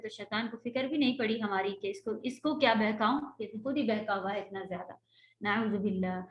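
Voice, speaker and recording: A woman's voice: a little high, muffled recording. A woman Quran teacher giving a patient, explanatory religious lecture, slipping English words into her talk.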